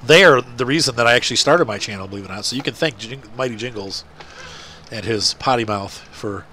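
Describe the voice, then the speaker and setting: This gaming host, a middle-aged man with a stuffy nose, talks at a quick pace in a medium-pitched voice with a sharp tone. There's slight background noise as he chats casually and ramblingly, with many fillers, over a farming game.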